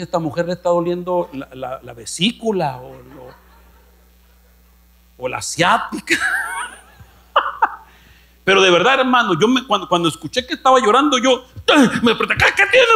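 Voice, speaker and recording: Northern mexican guy preaching, high voice, jokey stories, bit of hum. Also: expressive, normal speed, gravelly, pauses often, pushed and bright. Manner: storytelling preacher, jokey, addresses listeners as brother. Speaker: pastor. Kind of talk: sermon.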